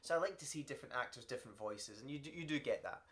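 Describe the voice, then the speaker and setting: A man's voice: medium pitch, expressive, racing, a bit bright, slight background noise. A man hosting a casual podcast chat, rambling with fillers and frequent laughs. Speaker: podcast host.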